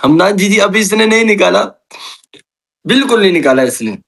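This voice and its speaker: A man's voice: high-pitched, expressive, moderate pace, a bit bright. A man chatting on a live stream, teasing and joking back at his co-host. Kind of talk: casual live-stream chat.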